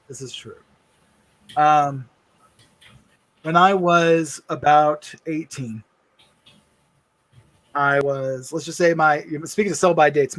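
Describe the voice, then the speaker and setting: A man co-hosting a livestream, telling a personal story in an earnest, halting way with many restarts. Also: a little high. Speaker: livestream co-host.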